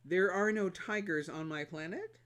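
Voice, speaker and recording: A man's voice: high-pitched, normal speed, fairly bright tone, pitched above the performer's own voice. A man voicing an earnest little prince. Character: small earnest boy prince, gentle and curious.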